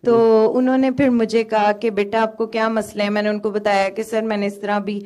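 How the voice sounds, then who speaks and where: Young woman guest, higher-pitched voice, earnest emotional testimony, hesitant fillers. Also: level tone, darkish tone. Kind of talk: personal testimony on a call.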